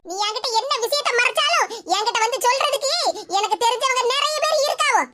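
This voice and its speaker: A woman acts out a fiery old cartoon mother who scolds and accuses with sarcasm, in a Tirunelveli Tamil accent. Her voice is very high and fast, with a noisy hiss behind it. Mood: angry scolding.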